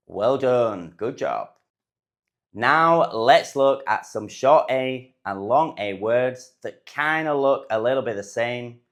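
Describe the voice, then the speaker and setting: Brief: British male pronunciation teacher, mid-pitched voice, unhurried listen-and-repeat delivery with crisp, deliberate words. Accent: British English. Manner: slow, clear, deliberately enunciated words. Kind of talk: listen-and-repeat phonics lesson.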